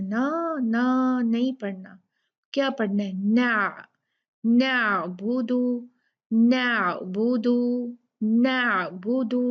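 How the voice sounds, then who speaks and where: A woman teaching Quran recitation rules. She demonstrates letters slowly and patiently, and often checks with "ठीक है?". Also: on the high side, lo-fi sound. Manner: patient, drawn-out demonstrations, keeps asking "ठीक है?". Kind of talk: tajweed lesson with slow recitation.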